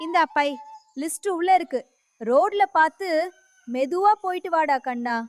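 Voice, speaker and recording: A woman voicing a caring mother of the household in a cartoon, giving gentle, motherly instructions. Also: high-pitched, lively intonation, moderate pace, no echo, soft background music. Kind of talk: cartoon dubbing.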